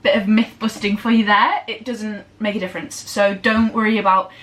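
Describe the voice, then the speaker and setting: A young woman chatting casually in a vlog, rambling and bubbly, fast and breathless after a workout, filmed in her kitchen. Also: mid-range voice, little pitch movement, a bit bright. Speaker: lifestyle vlogger. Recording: slightly distant camera audio with faint room noise.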